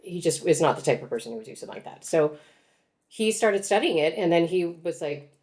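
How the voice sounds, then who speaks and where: A woman's voice: on the low side, expressive, a little fast, a little mellow. A woman in her forties, a guest author, telling her story in reflective, casual conversation with frequent laughs.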